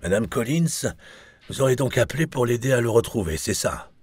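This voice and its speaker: A man reading the part of a calm, probing male French police inspector, asking measured, polite questions. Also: medium pitch, husky, dry recording, pitched above the performer's own voice. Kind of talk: audiobook character reading.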